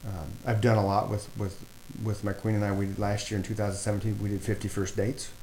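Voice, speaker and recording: A man's voice: fairly low pitch, little pitch movement, quick pace, warm tone. A middle-aged man hosting a casual podcast, rambling with many fillers and restarts. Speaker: podcast host. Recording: echoey room, faint background noise.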